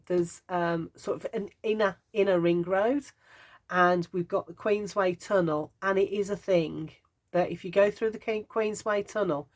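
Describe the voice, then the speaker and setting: A woman in her fifties with a Birmingham accent, chatting casually and wryly as a craft vlogger. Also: fairly low pitch. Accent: Birmingham (Brummie). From Birmingham, England. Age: 50s. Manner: chatty, meandering, wry humour. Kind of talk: casual chat.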